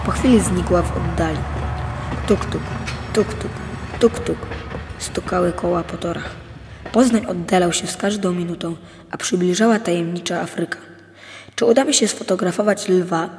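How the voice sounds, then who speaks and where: A man's voice: high-pitched, darkish tone, a little hiss or hum. Man narrating a storybook, with reverb. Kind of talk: first-person storybook narration.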